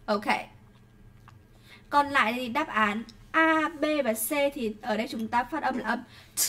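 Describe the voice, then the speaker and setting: Teaching an online English class, this Vietnamese-accented woman has a high, bright, forceful voice. Her pronunciation of English words is slow and careful, her explanations quicker, and she checks on her students throughout.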